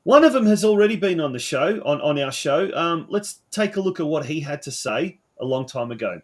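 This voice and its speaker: A man hosts a football talk show, putting long, chatty questions to his guest. His voice sits a little higher than most men's. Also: very animated, a little fast. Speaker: host. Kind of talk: hosting a sports talk show.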